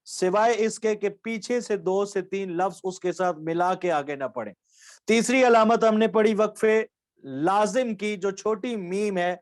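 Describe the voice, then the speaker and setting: A man from Pakistan giving an online lecture as a Quran recitation teacher, explaining rules patiently and repeating key points and examples. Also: high voice.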